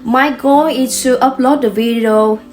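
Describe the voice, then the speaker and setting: The young Vietnamese vlogger, speaking with a Vietnamese accent, keeps a steady tone in a slightly high voice. She chats casually and softly with her audience, taking her time and often using fillers or starting over.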